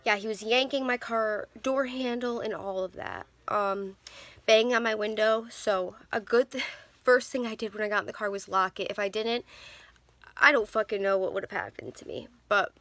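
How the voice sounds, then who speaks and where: Twenty-something woman rambling through a story to her phone, mid pitch, lots of ums. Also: normal speed, a bit bright, dry recording. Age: 20s. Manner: candid, rambling with many ums and restarts. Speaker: vlogger. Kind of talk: casual storytelling to camera. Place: in a car. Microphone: phone camera.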